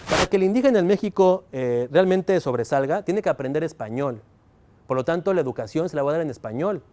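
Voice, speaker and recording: This professor talks fast and expressively in a high, slightly mellow voice, his Mexican Spanish accent clear. He engages the students in his lecture by firing off rhetorical questions.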